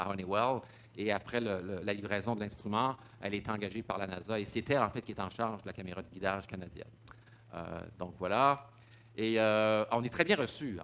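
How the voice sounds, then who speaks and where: A man's voice: fairly low pitch, a bit bright, a little hiss or hum. A man giving a public talk, stumbling over repeated words and fillers. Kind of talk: public lecture with slides.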